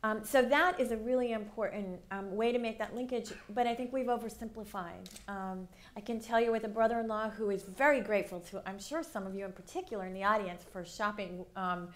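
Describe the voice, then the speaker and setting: A woman speaking on a stage panel in a measured way with frequent pauses. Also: medium pitch. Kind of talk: panel discussion. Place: large auditorium stage.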